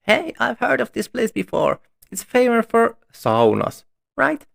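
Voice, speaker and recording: A man voicing a high-pitched, eager young crewmate who chirps out questions. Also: huge pitch swings, unhurried, vocal fry, full character voice. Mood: curious.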